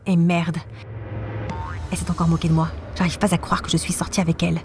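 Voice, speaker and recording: A woman voicing an agitated teenage boy in an animated story, speaking loudly and in exasperation. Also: on the low side, quick pace, faint music behind, pitched below the performer's own voice, lightly acted. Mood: exasperated.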